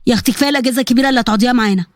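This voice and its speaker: A woman's voice: on the high side, racing, dry recording, clean studio sound, voice pushed down, close to an everyday voice. A woman voicing an irritated, selfish middle-aged father who talks dismissively, with an Egyptian accent. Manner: dismissive, grumbling.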